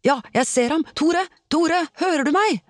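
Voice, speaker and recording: A woman voicing a frightened man who shouts anxiously for a friend swept into the sea, in an audiobook reading. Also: on the high side, expressive, clear, resonant tone, no room sound, studio quality, voice pushed up, close to an everyday voice. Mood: desperate.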